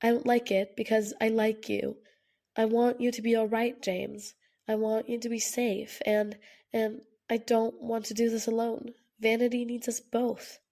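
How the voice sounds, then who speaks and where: Sharp-tongued worried young guy, voiced by a woman in an audiobook, harsh, gravelly. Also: a little high, level tone, a little slow. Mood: pleading, harsh. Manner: harsh, challenging.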